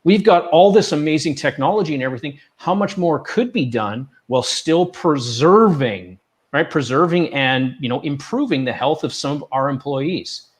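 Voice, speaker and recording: A man's voice: on the high side, expressive, normal speed. A male co-host of a live business talk show, talking casually and with animation, often repeating words. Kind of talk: casual panel chat.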